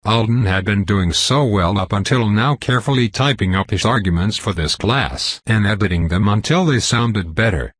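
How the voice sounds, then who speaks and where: Low, husky male narrator. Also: moderate pace, few pauses, no echo. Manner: even, flat reading that voices symbols aloud. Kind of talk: audiobook narration.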